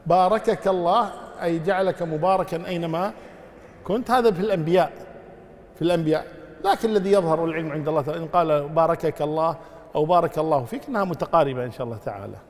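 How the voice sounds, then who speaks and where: In a religious Q&A lesson, a male Islamic scholar answers questions from listeners, his responses measured and filled with pious formulas. His voice is fairly high and quick, followed by a long hall reverb.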